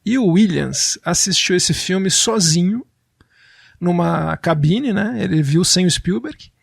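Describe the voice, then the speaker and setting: A man's voice: sits high, expressive, slow, vocal fry, breathy edge, no room sound, studio quality. A man co-hosting a podcast, explaining film history fluently in a storytelling way. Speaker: podcast co-host. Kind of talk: casual film music discussion.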